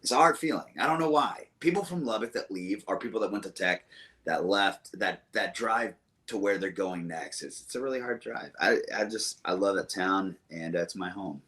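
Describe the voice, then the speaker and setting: Deep-voiced rambling Southern-raised man. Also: normal speed, a bit bright. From Southern United States. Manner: rambling, fond, with many fillers and restarts. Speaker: musician guest. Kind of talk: casual interview chat.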